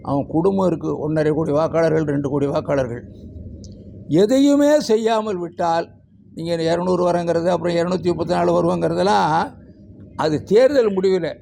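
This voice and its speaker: A man's voice: high voice, gravelly, dark tone, slight background noise. A man speaking as a teachers' union leader at a press conference, emphatic as he lists figures and demands.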